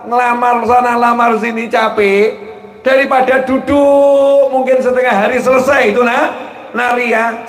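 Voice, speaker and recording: Javanese-accented male preacher, lively and joking, high-pitched, echoey hall with faint ambience. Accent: Javanese Indonesian. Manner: animated, joking with the audience, asks rhetorical questions. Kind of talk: sermon.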